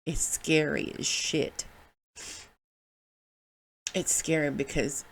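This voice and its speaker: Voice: medium pitch, little pitch movement, takes it slowly, creaky. A podcast host giving a candid, heartfelt solo monologue, with casual swearing.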